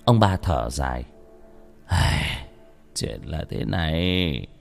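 A man reading a horror story aloud, with dramatic shifts of pitch for tension. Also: lively intonation, takes it slowly, vocal fry, soft background music. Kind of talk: scripted horror story narration.

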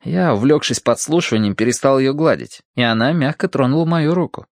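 A man narrating a novel as an audiobook in an even, measured way. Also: mid-range voice, dry recording, studio quality.

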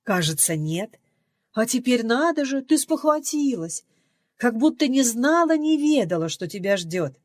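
A woman reading an audiobook, voicing an indignant middle-aged mother who scolds her daughter in loud, rising outbursts, recorded dry and close. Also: on the high side, very animated, measured pace, no room sound, pitched above the performer's own voice. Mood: scolding.

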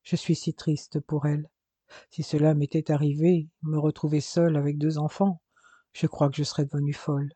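A man voicing a tender, anxious wife in an audiobook, speaking softly and lovingly. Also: on the high side, little pitch movement, moderate pace, no echo, lightly acted. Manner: soft, tender, fearful.

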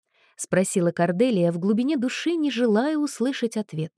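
A woman narrating an audiobook story in a measured, expressive reading. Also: a little high, no echo, studio quality. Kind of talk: scripted narration.

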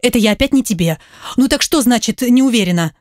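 A brash young woman yelling rudely into the phone, her voice pitched high and sharp with impatience, as a woman narrator puts her on. The reading sounds close and dry, as in an audiobook studio. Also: lively intonation, fast, no room sound, natural voice. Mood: shouting, irritated. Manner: shouting, rude and impatient.

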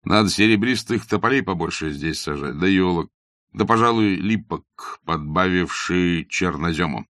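A man's voice: sits low, normal speed, a bit bright, no room sound, studio quality. A man voicing a blunt young doctor who is curt, ironic and matter-of-fact in an audiobook. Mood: wry. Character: blunt young male doctor, mocking and self-assured.

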